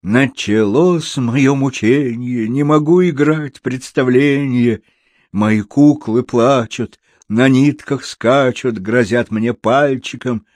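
A man's voice: mid-range voice, slow pace, a little mellow, dry recording, studio quality, natural voice. A man voicing a cheerful middle-aged puppeteer who speaks in singsong rhymes. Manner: singsong rhyming patter.

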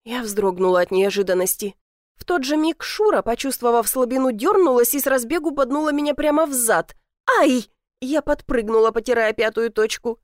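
A woman narrating a first-person audiobook in a lively, expressive storytelling manner. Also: fairly high pitch, brisk, dry recording, studio quality.

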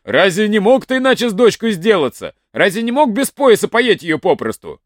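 A man's voice: high voice, very animated, fairly quick, no room sound, clean studio sound, pitched above the performer's own voice. A man voicing a fussy, fretful old peasant father in a folk tale, grumbling and exclaiming. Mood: upset.

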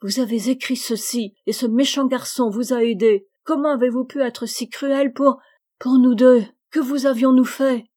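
A woman reading a storybook plays a wounded young woman, reproachful and pleading, pitched a little higher and louder. Her mellow, warm tone stays soft at the edges. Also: fairly even intonation, moderate pace. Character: hurt, tearful young woman Meg.

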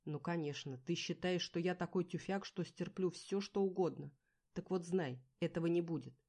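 Jealous husband, sneering and scolding , voiced by a woman audiobook reader, low-set, mellow tone. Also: normal speed. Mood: angry. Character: angry jealous husband, adult man, contemptuous.

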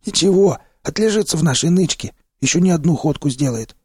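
A man reading an audiobook, voicing a hoarse, gruff male stalker who leads the group. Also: on the high side, lively intonation, a little fast, mellow, no echo, clean studio sound, pitched above the performer's own voice. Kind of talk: audiobook character voice.

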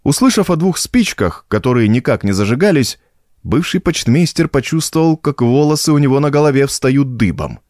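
Male narrator, expressive, dry studio read. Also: mid-range voice, normal speed, no echo. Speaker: reader. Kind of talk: audiobook narration.

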